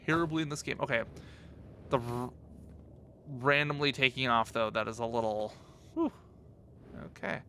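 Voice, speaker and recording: A man's voice: fairly high pitch, pushed and bright, slight background noise. A man casually commenting as he plays a video game for the first time, curious and thinking aloud. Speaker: gaming channel host. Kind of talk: casual let's-play commentary.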